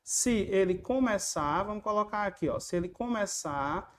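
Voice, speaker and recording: A man's voice: sits high, animated, moderate pace, slight background noise. A young man runs an online exam prep lesson. He talks in a loose, jokey way and repeats each rule and little rhyme until it sticks. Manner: chatty, jokey, repeats key points.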